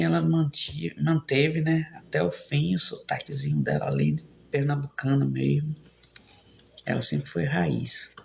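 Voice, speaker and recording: Host in her fifties with a São Paulo-Bahian blend, very gravelly, chatty and rambling, tossing in tag questions. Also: low voice, darkish tone, slight background noise. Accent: São Paulo mixed with Bahian. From São Paulo, Brazil. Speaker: live stream host reading viewer comments. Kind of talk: casual chat.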